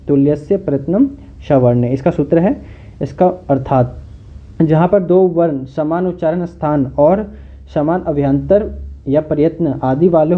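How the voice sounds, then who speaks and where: A male teacher giving a recorded lecture, explaining patiently and checking in with the listener again and again. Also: fairly high pitch. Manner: explains patiently, often adds "theek hai". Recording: tinny phone-like sound.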